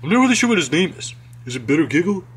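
A man's voice: on the high side, big pitch swings, very fast, slight background noise. Jumbo Josh, a goofy boastful monster voiced by a man. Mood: joking. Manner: joking, teasing, playful. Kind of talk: fan animation voice acting.

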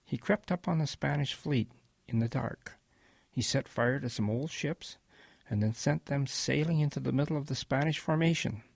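A man voices a wistful old grandfather in an audio drama, gently and reflectively recounting his wartime boyhood in a husky voice. He speaks at a medium pitch, with no echo.

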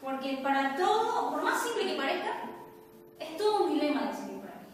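A woman's voice: high-pitched, sing-song, brisk, slight background noise. A young woman with a Bolivian accent giving a self-mocking, confessional stage monologue. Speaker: acting student. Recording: echoey hall, far from mic, music behind.

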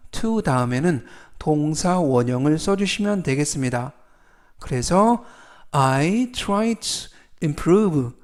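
A man's voice: on the high side, a little mellow. A man teaching English vocabulary in a formal, polite way, repeating each word three times and explaining its meaning step by step. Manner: formal polite speech, stretches English words slowly. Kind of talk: slow, methodical vocabulary lesson.

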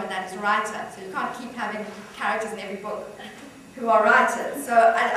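A woman novelist reads from her own book in a fairly high voice, amused and easy in her delivery. Strong echo fills the room, and the mic sits far from her. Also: slight background noise. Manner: warm, amused, with light laughter between passages. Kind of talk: author reading from her novel.

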